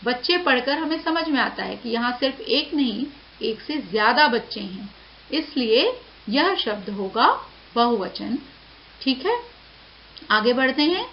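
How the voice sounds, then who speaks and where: A woman teacher giving a lesson to children, saying each word slowly and clearly and repeating it for them. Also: fairly high pitch, animated. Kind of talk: slow classroom lesson to children. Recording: dull lo-fi audio with faint hiss.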